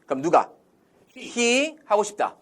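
A man's voice: high-pitched, slow pace. A man teaching English in Korean, drilling phrases with call-and-response questions and acting out example lines. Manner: acts out Korean example sentences in a lively voice. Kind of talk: classroom-style language lesson.

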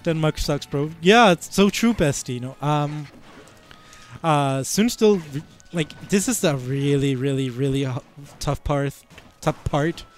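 A man's voice: on the high side, a little slow, faint music behind. Giggly young-sounding man commentating a match. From Iceland. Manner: giggly, rambling, playful. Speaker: esports commentator. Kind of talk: casual live game commentary. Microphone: headset.

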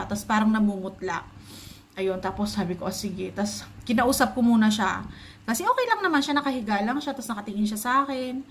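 A woman's voice: medium pitch, a bit bright. A young Filipina mother from the Philippines, pregnant, chatting casually in a home vlog and retelling a story with quoted dialogue. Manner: chatty, mixes Tagalog and English, retells her own quoted words. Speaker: vlogger, stay-at-home mom.

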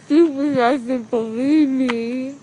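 Teen girl, high-pitched and slow, slurred bloody-mouth speech around gauze, groggy and tearful. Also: steady tone, mellow. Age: teenager, fourteen. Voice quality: muffled, slurred speech through a mouth packed with gauze after tooth surgery. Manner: groggy, childlike, tearful insistence. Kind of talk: casual chat. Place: outdoors, then inside a car. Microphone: phone held close. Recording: faint noise, handheld phone recording.

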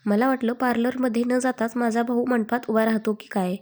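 A woman's voice: fairly high pitch, little pitch movement, fairly quick, a little mellow, lightly acted. A woman reading a story aloud, voicing a scolding, teasing young elder sister.

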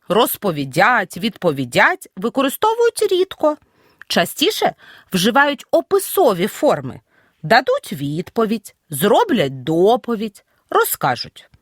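A woman teacher giving an audio grammar lesson, stressing each example word clearly. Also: a little high, fairly bright tone, no echo, clean studio sound. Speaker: Ukrainian language teacher.

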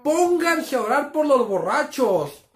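A man voicing a stern mother scolding her two boys in a sharp, commanding way. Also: extremely high pitch, big pitch swings, takes it slowly, echoey room, pitched above the performer's own voice, heavily acted.

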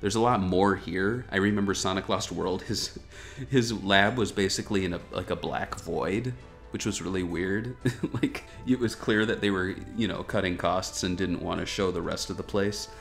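A man with a low-pitched, gravelly, slightly bright voice hosts a gaming news show at a moderate pace. Over background music, he gives casual, wryly joking commentary on a video game trailer.

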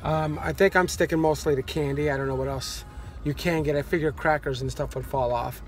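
Holding his phone camera at arm's length, a man in his forties who is a father talks casually through a fishing vlog, starting in a parked car and moving to a river dock outside. He has a fairly high, brisk voice with faint music behind, and he rambles relaxedly, saying um a lot.

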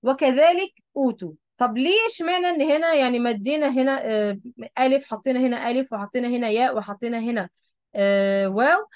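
A woman's voice: a little high, quick pace, dry recording, highs cut off. A woman with an Egyptian Arabic accent, patiently explaining a Quran recitation rule and checking that her students follow along. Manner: patient, repeats key points, checks understanding. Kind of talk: explaining a lesson at a board.

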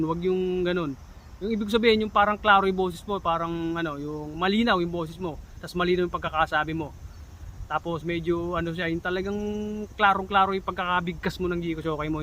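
A man's voice: high-pitched, fairly bright tone, highs cut off, slight background noise. A man in his thirties from the Philippines giving casual advice in a vlog, chatty, with emphatic warnings and a habit of calling his viewers "tol". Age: 30s. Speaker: vlogger giving job interview tips.

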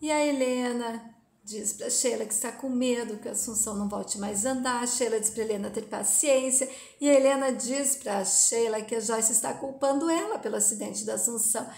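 A woman's voice: fairly high pitch, brisk, darkish tone. Brazilian woman retelling a soap episode. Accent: Brazilian Portuguese. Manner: plain running retelling. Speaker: soap opera recap narrator. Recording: echoey room.

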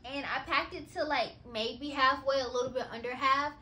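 A woman in her twenties chats casually to a camera set on the floor, vlogging from a nursery at home as she sorts clothes and packs boxes. Her voice sits high with fairly even intonation, a moderate pace, and a bright, forceful tone.

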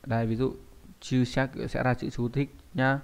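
A man, teaching kanji in an online lesson and often checking in with students through quick questions. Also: medium pitch, flat delivery, vocal fry, clear, resonant tone.

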